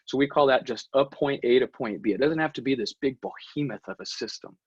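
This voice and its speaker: A man's voice: mid-range voice, a little fast, husky, no echo, lo-fi sound. A man, a dentist, giving an online continuing-education talk that leans on stories, acting out office conversations as he goes. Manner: animated, acts out office dialogue in stories. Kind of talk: online lecture with storytelling. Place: at home, away from the office. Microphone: webinar computer mic.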